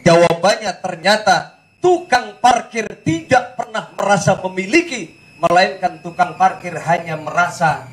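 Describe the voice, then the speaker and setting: A man with an Indonesian accent preaching a lively sermon to a congregation, joking and questioning his listeners, now and then breaking into song. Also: high-pitched, measured pace, low-quality recording. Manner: joking, questions the audience directly, sings snatches.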